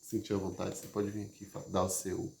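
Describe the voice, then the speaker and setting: A man leading a live session, moving between loud emphasis and soft, gentle speech. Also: low-pitched, monotone, fairly quick, vocal fry. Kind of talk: live talk to an audience. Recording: roomy, echoey sound.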